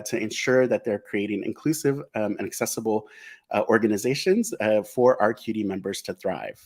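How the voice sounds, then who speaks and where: A man hosting a live-streamed interview, upbeat and effusive, with frequent ums and uhs. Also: lowish voice. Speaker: host.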